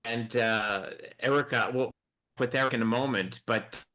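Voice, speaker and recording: Male meeting host with a bright voice, heard over a breaking-up video call with clipping, distorted audio. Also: mid-range voice. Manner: halting, with fillers.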